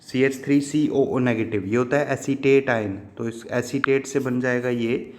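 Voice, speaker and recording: A man's voice: mid-range voice, steady tone, moderate pace. A man teaching chemistry in a patient, repetitive way, asking questions and answering them himself and addressing his students fondly as children. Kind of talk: classroom lesson explanation.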